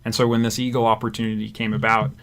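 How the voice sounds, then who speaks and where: Low-voiced young man, flat delivery. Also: fast. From Zimbabwe and Kenya. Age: young adult. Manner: relaxed, rambling with fillers. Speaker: guest, graduate student. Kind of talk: casual interview. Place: radio studio.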